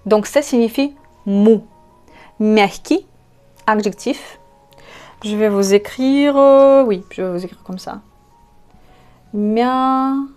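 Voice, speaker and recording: Slow, patient woman with a Russian accent. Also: on the high side, a little mellow, clean tone, soft background music. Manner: slow and patient, spells out letters and repeats each word. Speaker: language teacher. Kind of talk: online language lesson.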